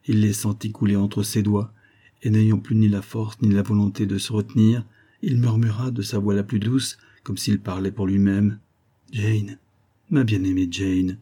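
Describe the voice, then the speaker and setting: Gentle, husky man reading aloud. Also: lowish voice, level tone, normal speed. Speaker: audiobook reader. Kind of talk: scripted narration.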